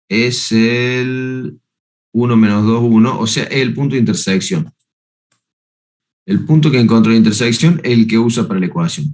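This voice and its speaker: A man's voice: fairly low pitch, a little mellow. A man giving a university math lecture, working step by step through the notes and checking that students follow. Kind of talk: university lecture on analytic geometry.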